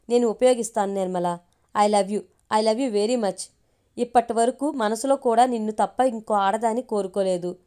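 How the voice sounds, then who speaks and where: A woman's voice: mid-range voice, darkish tone, natural voice. A woman reading the lines of a jealous young man who earnestly pleads with his beloved in an audio story.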